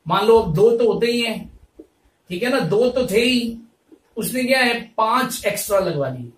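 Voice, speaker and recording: A man teaching vocabulary for exams, explaining words through chatty comic stories and checking in with his students as he goes. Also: very high voice. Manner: chatty storytelling with comic examples, frequent "theek hai na". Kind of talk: exam-prep lesson explaining word meanings. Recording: echoey room, mic set far away.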